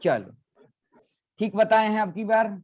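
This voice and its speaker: A man's voice: sits high, expressive, unhurried. A male physics teacher giving a classroom lecture, coaxing students and repeating questions. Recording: dull lo-fi classroom recording.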